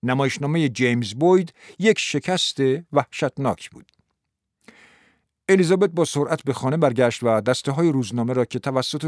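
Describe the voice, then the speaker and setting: A man narrating an audiobook in an expressive, dramatic storytelling manner. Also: mid-range voice, no echo, studio quality.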